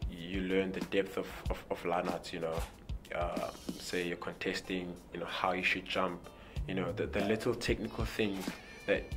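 A young rugby player from South Africa, his voice very deep, answers an interview question in a loose, wandering way, tripping over repeated words and falling back on "you know." He's seated before a press backdrop, with clear music running beneath his speech the whole time.

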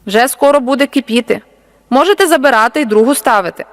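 A woman voicing a camp cook who speaks in a brisk, matter-of-fact way. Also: high-pitched, long reverb tail. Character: busy camp cook woman calling from kitchen.

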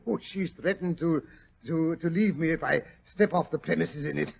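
Creaky, high-pitched old British Doctor Watson. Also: male voice, moderate pace. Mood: jovial. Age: older. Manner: fussy, old-fashioned, hemming. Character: jovial, blustery old English doctor reminiscing. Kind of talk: 1940s radio drama acting, storytelling. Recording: dull, lo-fi 1940s radio recording.

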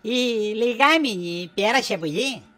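A nosy wife, as a woman plays her, high and bright in tone, who keeps prodding for gossip and won't let a question drop. It is pushy comic sketch acting. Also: expressive. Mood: prying.

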